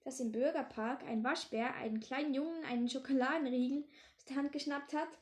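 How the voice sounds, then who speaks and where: A woman's voice: high-pitched, a little fast, lightly acted. A woman reading as a level-headed schoolboy. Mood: curious.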